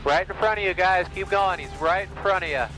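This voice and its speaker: Higher-voiced man calling sightings over radio. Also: brisk, music in the background, rough recording. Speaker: aerial spotter in a small aircraft. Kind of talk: informal radio callouts. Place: in a small aircraft.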